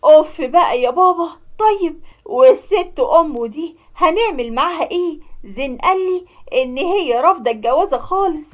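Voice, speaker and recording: A woman's voice: high-pitched, lively intonation, normal speed. A woman voicing an eager young Egyptian daughter. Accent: Egyptian Arabic. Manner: impatient, eager. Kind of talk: storybook cartoon narration.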